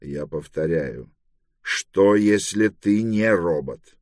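An earnest, stubborn grown man from a storybook, read by a male narrator. His voice is very deep and unhurried, and he presses his points insistently. It is recorded close and dry. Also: lively intonation, a little mellow, no echo. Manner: insistent, deliberate. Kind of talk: audiobook dialogue reading.

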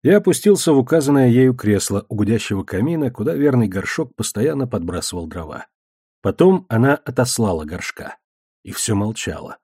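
A man narrating an audiobook in the first person with a measured, even reading. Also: medium pitch, husky, no echo, clean studio sound.

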